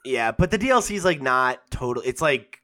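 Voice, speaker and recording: Big pitch swings mark this twentysomething man's mid-range, sharp-toned voice as he talks fairly quickly. Co-hosting a gaming podcast, he rambles in casual chat, often using fillers and starting over.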